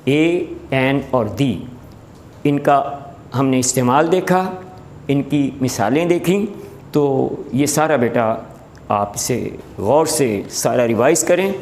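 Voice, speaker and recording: A man's voice: mid-range voice, darkish tone. A man who teaches English, giving a lecture, patiently repeating examples and checking that students understand. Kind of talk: recorded classroom lecture. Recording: echoey room with faint noise.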